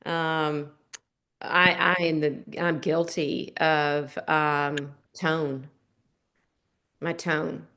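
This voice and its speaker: A woman's voice: low voice, level tone, very slow, bright, forceful tone. A woman on a discussion panel who tells candid, self-deprecating stories in a casual way.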